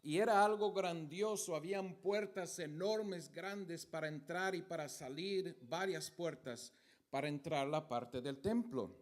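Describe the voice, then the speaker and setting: High-voiced man preaching a sermon. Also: a little slow. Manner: vivid storytelling while pointing to projected pictures. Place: church.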